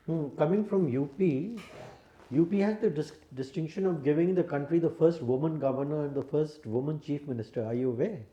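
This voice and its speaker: A man on an interview panel asking questions in a calm, measured way. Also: on the high side, echoey room, lo-fi sound. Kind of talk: formal mock interview questioning.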